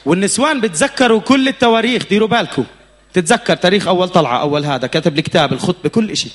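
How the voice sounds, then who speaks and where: A man's voice: high voice, expressive, rapid-fire, a bit bright. A man with a Levantine Arabic accent doing stand-up comedy, telling stories as an escalating comic rant and acting out dialogue.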